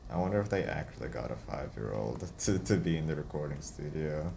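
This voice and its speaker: Brief: low-voiced man narrating his gameplay, chatty, audible background hiss. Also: expressive, a little fast, gravelly, warm tone. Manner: chatty, laughing, self-talking. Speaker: let's play host. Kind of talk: casual gameplay commentary.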